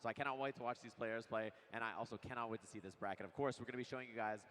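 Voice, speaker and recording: A man's voice: mid-range voice, steady tone, rapid-fire, fairly bright tone. A man giving emphatic, announcer-style commentary at a live esports event. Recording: music playing behind live stage commentary.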